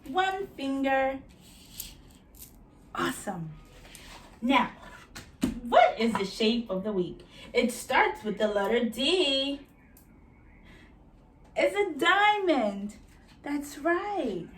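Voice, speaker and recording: Female preschool teacher, kids show host manner, high-pitched and encouraging, recorded roomy and a bit far from the mic. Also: big pitch swings, very slow, long pauses. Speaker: preschool teacher leading circle time. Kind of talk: children's educational lesson, asking questions to young viewers. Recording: roomy echo, distant mic, faint noise.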